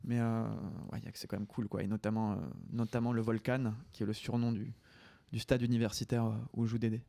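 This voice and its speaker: A man's voice: medium pitch, flat delivery, fast talker, dark tone, no room sound. Guest author, man from France, hesitant chatty delivery, dry sound. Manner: hesitant, many fillers and restarts. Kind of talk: casual chat on a livestream.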